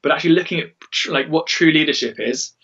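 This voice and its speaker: A man's voice: on the high side, fast, bright, forceful tone, slightly rough. A man speaking casually and earnestly in an interview as a church worship leader, in an informal way. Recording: dull, distant-mic recording.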